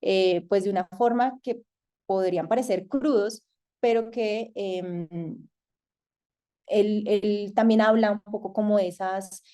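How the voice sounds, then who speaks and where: Colombian woman lecturer, soft mellow tone, measured and hesitant delivery, frequent pauses. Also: mid-range voice, fairly even intonation. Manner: thoughtful, hesitant with frequent fillers. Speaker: masterclass lecturer. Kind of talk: online lecture.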